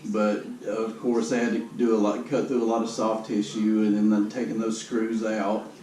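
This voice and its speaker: A man with a lowish, mellow voice gives a casual personal health update on video, speaking flatly at a normal speed in a downbeat, resigned, matter-of-fact way. A distant camera microphone picks up a roomy, noisy sound.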